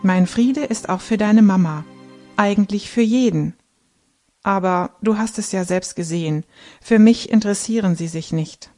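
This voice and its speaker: A woman reading the lines of a gentle divine voice that speaks of peace, joy and love, in a solemn storytelling manner. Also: medium pitch, normal speed, soft background music, natural voice.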